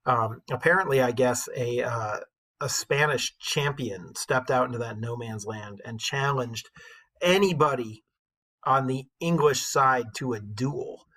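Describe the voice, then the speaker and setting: A husky-voiced English teacher gives an informal, enthusiastic classroom lecture, telling stories in colloquial language. His voice is mid-range and a bit bright.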